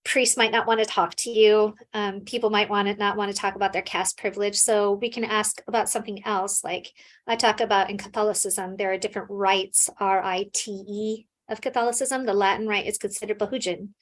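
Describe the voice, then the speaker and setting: In a brisk, flat delivery at medium pitch, an American woman responds casually as a scholar guest in an interview. She works through her explanations thoughtfully, with many fillers and restarts along the way.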